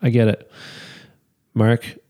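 A man's voice: medium pitch, level tone, takes it slowly, mellow. A man co-hosting a podcast who listens attentively and reads out his takeaways in an affirming way. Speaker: podcast co-host. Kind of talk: casual interview talk.

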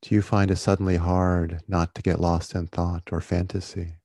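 Man, meditation guide, low mellow voice, soothing yoga-teacher delivery, gentle, close dry sound. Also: flat delivery, normal speed, no room sound. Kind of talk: guided body-scan meditation.

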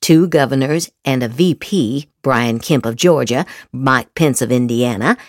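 A woman with a very deep voice hosts a podcast, giving a theatrical, sarcastic dramatic reading of political posts. She piles on exaggerated emphasis and draws her words out. The audio is studio quality with no room sound.

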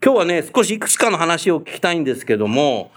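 A male host in casual conversation with a guest, spinning quick anecdotes and nodding along. His speech is rapid and his pitch swings widely as he talks, animated and loose. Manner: chatty, animated storyteller, frequent nods. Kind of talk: casual on-location interview.

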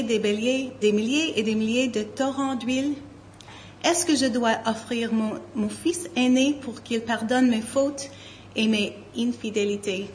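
A woman's voice: on the high side, poor audio. A woman with a Quebec accent reading scripture aloud as a Bible reader. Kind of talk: scripture reading and short personal remark. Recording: faint room noise.

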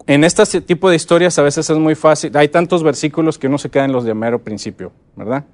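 A middle-aged man lectures at a conference with a fairly high voice. He keeps asking his listeners whether they follow him and slows down to stress key words. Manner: lively, asks the audience frequent check-in questions. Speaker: conference speaker teaching. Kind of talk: conference lecture on teaching Bible stories.

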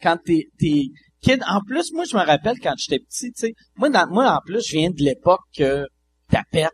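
Quebec guy, high voice, jumps around a lot, chatty, bit of hum. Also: very animated, moderate pace. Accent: Québécois French. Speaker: podcast guest. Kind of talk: casual chat.

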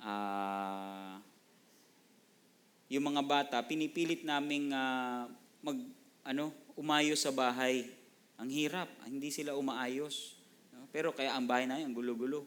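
A middle-aged Filipino pastor teaching from the Bible in a relaxed, conversational sermon. He speaks in an ordinary mid-range male voice, often pausing to check in with the congregation and mixing English phrases into his speech. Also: medium pitch.

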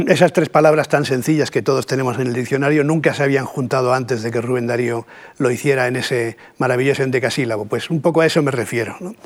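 This is a middle-aged man from Catalonia with a mid-range voice and a Catalan Spanish accent. He lectures on poetry in a reflective, measured way, with pauses and rhetorical asides.

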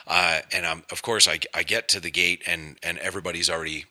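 A man's voice: deep voice, quick pace. A man, a comedian guest, telling a story in casual chat, rambling with many restarts. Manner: rambling, restarts, animated retelling.

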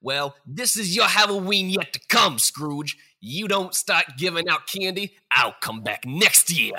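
A man voicing a menacing mobster-style ghost in a comedy audio drama, with gruff street slang. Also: sits high, expressive, measured pace, pushed and bright, full character voice.

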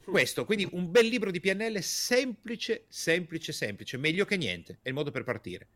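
A man coaching in a podcast conversation, emphatic and energetic, stressing key words by repeating them and asking rhetorical questions. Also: high voice, moderate pace, dry recording. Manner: gestures while speaking, energetic. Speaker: communication coach, podcast guest.

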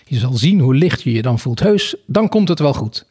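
A man's voice: mid-range voice, sing-song, moderate pace, a little mellow, breathy edge. Man doing a blunt, teasing tall fellow. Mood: bossy. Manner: teasing, coarse. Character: blunt, mocking tall male adventurer. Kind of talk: reading a children's book aloud.

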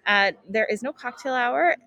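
A woman's voice: on the high side, normal speed, sharp tone, low-quality recording. A woman hosting a casual live podcast at a wedding show, talking informally through a face mask and often breaking off mid-thought. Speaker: podcast host and wedding planner. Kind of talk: casual live talk to listeners.

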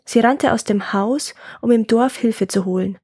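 A woman reads a legend in a calm, measured storytelling voice, her tone slightly gravelly and husky. The recording is close and dry, with no room sound. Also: on the high side, no echo. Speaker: storyteller and podcast host. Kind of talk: scripted fairy-tale narration.

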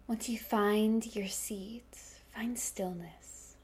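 Slow, breathy woman in a soft whisper. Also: medium pitch, fairly even intonation. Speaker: meditation instructor. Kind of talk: guided meditation.

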